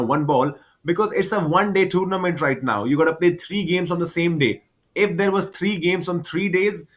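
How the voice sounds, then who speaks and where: A man's voice: a little high, fairly bright tone. A man doing live baseball commentary, chatty and repetitive, explaining the game for cricket fans.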